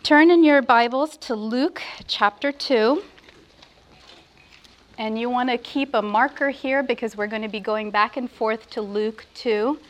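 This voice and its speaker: A woman's voice: a little high, a little slow. A woman giving an earnest, reverent sermon at a pulpit microphone, with a prayer and scripture study. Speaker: preacher.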